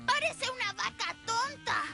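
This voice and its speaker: Squeaky-high, fretful little elf. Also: female voice, expressive, measured pace, gravelly, sharp tone, exaggerated voice. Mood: worried, grumbling. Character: small worrying, grumbling elf companion. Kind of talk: dubbed cartoon acting. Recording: music behind the voice.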